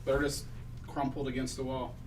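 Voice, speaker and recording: A man's voice: medium pitch, level tone, moderate pace. A man narrating a tabletop game casually as game master. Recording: distant mic with background noise.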